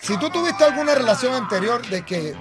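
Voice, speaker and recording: Male band member on radio, very high voice, jokey, sings bits, music underneath. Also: expressive, fairly quick. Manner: jokey, breaks into song. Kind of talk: radio interview. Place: radio studio. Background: music bed.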